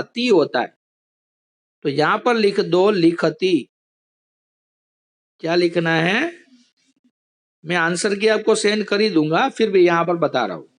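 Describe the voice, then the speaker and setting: A man teaching an online class, patiently explaining step by step over a video call. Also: high-pitched.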